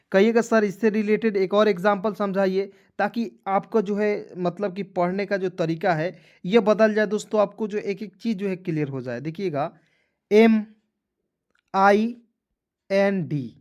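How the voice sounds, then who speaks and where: A man giving a spoken online lesson on English pronunciation. He spells words out letter by letter and keeps checking in with his viewers as friends. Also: high-pitched. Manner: addresses viewers as friends, with frequent filler checks; spells letters out slowly one by one.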